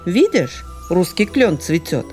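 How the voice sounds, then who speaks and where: Lady reading a wise old owl from a storybook, calm and slow, unbothered. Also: fairly low pitch, soft background music.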